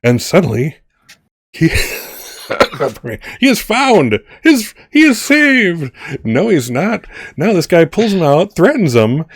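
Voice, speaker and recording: A man's voice: high voice, dry recording, studio quality. A man narrating as game master, rambling with many restarts.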